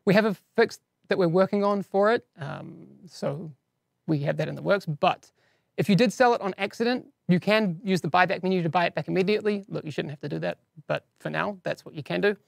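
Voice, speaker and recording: A man with a heavily gravelly, fry-laden voice and an accent hosts a live game-news stream. He talks casually to chat in a dry, close-sounding room, slipping in self-deprecating asides between updates. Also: sits high, fairly quick, no echo. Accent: non-standard English accent, teased by viewers.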